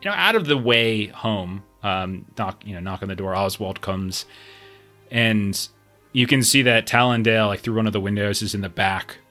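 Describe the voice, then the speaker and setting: Low-voiced man narrating a tabletop game. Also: expressive, normal speed, bright, forceful tone, soft background music. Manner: conversational, improvising. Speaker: game master.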